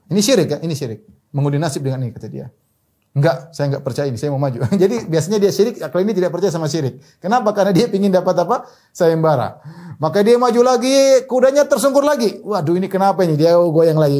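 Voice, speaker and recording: A man giving a storytelling sermon, animating the people in his story with lively quoted lines. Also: medium pitch. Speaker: Islamic preacher.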